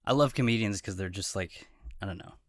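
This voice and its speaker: Rambling podcast host with gravelly tone. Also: male voice, fairly low pitch, fairly quick. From Pacific Northwest. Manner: rambling, many filler words, warm to his guest. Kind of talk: casual podcast interview. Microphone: podcast mic.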